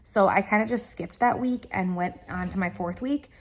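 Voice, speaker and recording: A woman's voice: mid-range voice, moderate pace. A woman vlogger chatting casually to viewers, with a slight lisp from wearing dental aligners like a retainer.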